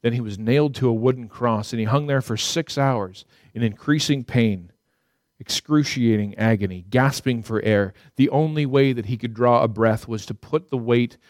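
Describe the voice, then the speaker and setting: A man preaching a sermon as dramatic storytelling, swinging from loud, high peaks to hushed, low passages. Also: normal speed, dry recording, clean studio sound.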